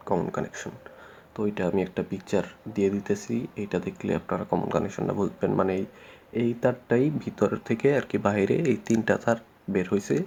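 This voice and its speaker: A man's voice: on the low side, vocal fry, darkish tone. A man, explaining electrical work in a plain, repetitive way with many fillers. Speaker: electrician instructor. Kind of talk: casual spoken tutorial. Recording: dull lo-fi audio with faint noise.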